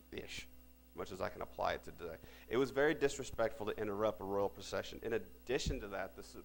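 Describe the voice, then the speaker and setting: Gravelly low-voiced male preacher. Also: a little hiss or hum, rough recording. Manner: conversational, self-correcting preaching. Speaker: pastor. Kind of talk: sermon. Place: church.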